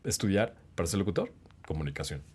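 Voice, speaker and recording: A middle-aged man with a Mexican accent, a voice-over announcer, telling animated stories and acting out the people in them as a podcast guest. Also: low-pitched, fast, breathy edge. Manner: animated anecdote-teller, acts out quotes. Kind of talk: casual storytelling chat.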